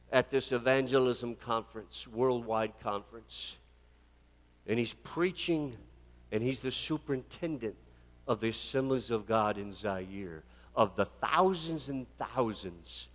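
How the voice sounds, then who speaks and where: A man preaching a sermon, telling a long story with dramatic swings between loud fervent peaks and quiet passages, often repeating words as he restarts. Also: lowish voice. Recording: long hall reverb.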